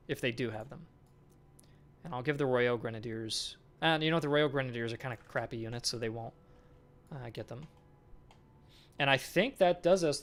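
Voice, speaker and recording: A man streaming as a game developer, chatting casually with viewers and thinking aloud while he works. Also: mid-range voice. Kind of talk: casual live-stream chat while working.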